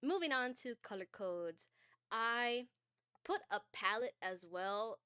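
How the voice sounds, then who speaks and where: A giggly young woman chats on a live stream from her bedroom, jumping from thought to thought. Her voice sits on the high side and sounds dry and close. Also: animated, takes it slowly, sharp tone, clean tone, no echo. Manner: giggly and scattered, laughs often. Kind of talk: casual live-stream chat. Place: home bedroom.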